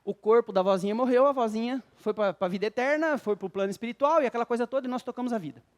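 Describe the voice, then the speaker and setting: A man's voice: extremely high pitch, racing. A Brazilian man giving a spiritist lecture to a live audience, quizzing the listeners and telling jokey stories about married life. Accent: Brazilian Portuguese. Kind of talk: humorous public lecture.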